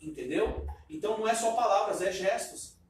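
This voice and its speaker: A man preaching a sermon, loud and emphatic, and he says himself that he talks loudly. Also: sits high, fairly quick. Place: church sanctuary. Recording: echoey church hall from far off.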